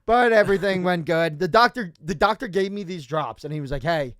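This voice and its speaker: Male podcast co-host, quick animated storyteller, high voice, dry close mic. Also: no room sound. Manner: animated, swears a lot, acts out quotes. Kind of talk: casual storytelling chat.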